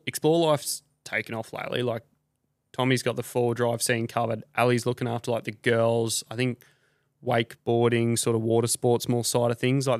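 A man's voice: medium pitch, dry recording, clean studio sound. An Australian man hosting a podcast, ranting casually with blunt, sweary slang. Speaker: podcast host.

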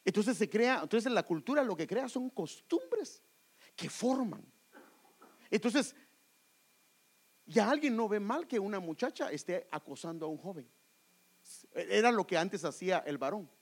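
Animated pastor preaching. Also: male voice, high-pitched, measured pace, pauses often. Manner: animated preaching, acting out quoted voices, addressing listeners as brother. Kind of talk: sermon.

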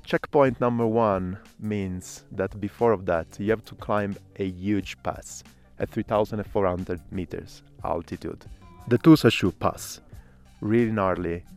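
A man's voice: on the low side, a little mellow, smooth. A man hosting a race podcast who narrates and interviews riders in loose, enthusiastic phrasing. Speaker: podcast host.

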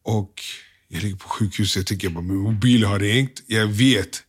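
A man's voice: on the low side, husky. Subdued young man recounting a crisis. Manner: subdued, halting, slangy retelling with quoted dialogue. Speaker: interview guest. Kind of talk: candid personal storytelling.

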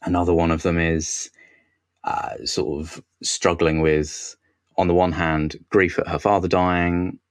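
A man's voice: low voice, level tone, unhurried, no echo, clean studio sound. A man chatting as a TV critic guest on a podcast, enthusiastic and wry, often restarting his sentences. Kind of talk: casual podcast chat.

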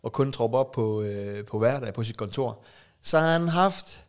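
A middle-aged man co-hosting a casual chat podcast, telling anecdotes animatedly with halting restarts. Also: medium pitch, animated. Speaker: podcast co-host.

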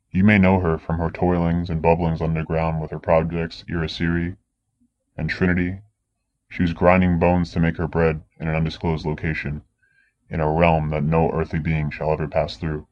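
A podcast host putting on an unnaturally deep, pitched-down voice to play an otherworldly announcer who greets mortals with a mock-ominous introduction. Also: male voice, lo-fi sound. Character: booming otherworldly male announcer addressing mortals.

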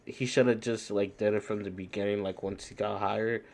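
Laid-back low-voiced man, slangy sports chat. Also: fairly even intonation, moderate pace, gravelly, darkish tone. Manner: slangy, loose, says bro a lot. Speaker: podcast co-host.

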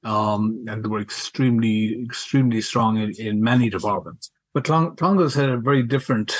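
A middle-aged man, reminiscing casually in a halting, wry way and repeating words as he goes. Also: lowish voice, no echo. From County Mayo, Ireland. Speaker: podcast guest, school alumnus.

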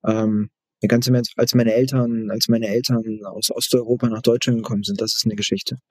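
Even-toned man in casual interview talk. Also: mid-range voice, fairly quick, dry recording. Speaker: guest expert in book marketing.

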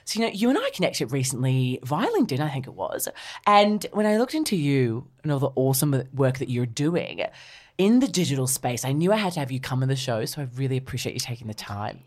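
A woman's voice: very deep voice, big pitch swings, fairly quick, darkish tone. A woman hosting an interview, enthusiastic and affirming toward her guest. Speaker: podcast host. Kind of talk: casual interview chat. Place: hotel.

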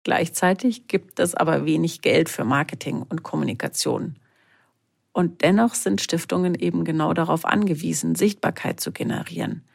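A podcast co-host explaining a topic in a measured, slightly formal way. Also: medium pitch, animated, gravelly, slightly rough.

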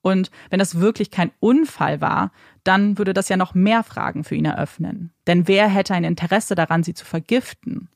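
A woman's voice: medium pitch, normal speed, gravelly, hardly any pauses, no room sound, studio quality. A woman narrating a true crime case in a scripted, dramatic storytelling manner.

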